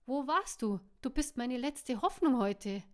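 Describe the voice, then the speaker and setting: A woman's voice: sits high, lively intonation, unhurried, darkish tone, pitched above the performer's own voice. Brief: overwhelmed barmaid, pleading and a bit hurt, read by a woman. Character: busy young barmaid, slightly hurt.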